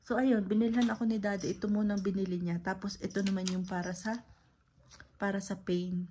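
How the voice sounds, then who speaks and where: A woman's voice: mid-range voice, little pitch movement, a little fast, dark tone. Woman from the philippines just chatting to camera, lots of fillers, bit of noise behind. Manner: chatty, rambling, many fillers. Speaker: vlogger. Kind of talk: casual vlog chat.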